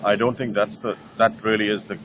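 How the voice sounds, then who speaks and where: A middle-aged painter from Nepal, answering interview questions in a thoughtful way, with many fillers and restarts. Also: male voice, on the low side, little pitch movement, brisk, lo-fi sound, background noise. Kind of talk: conversational interview.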